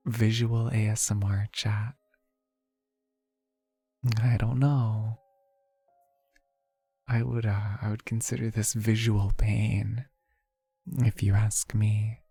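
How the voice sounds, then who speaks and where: A playful, goofy livestreamer with a creaky voice, chatting casually to viewers and tossing in silly exclamations. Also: medium pitch, takes it slowly, long pauses, mellow, dry recording, soft background music. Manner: playful, goofy, with sing-song nonsense exclamations.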